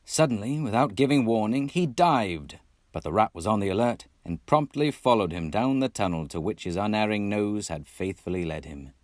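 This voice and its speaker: Reading a classic storybook as narrator, this amateur audiobook reader from Texas adopts a put-on British accent and reads expressively. His voice is lowish and a little mellow, with lively intonation at normal speed, in a clean studio recording with no room sound.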